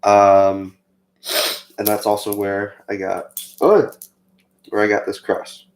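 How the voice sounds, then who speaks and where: Young guy rambling through a story, kinda low and gravelly, roomy echo. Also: takes it slowly. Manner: chatty, rambling with fillers, animated when quoting himself. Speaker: co-host of a faith channel. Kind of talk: casual personal storytelling. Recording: echoey room.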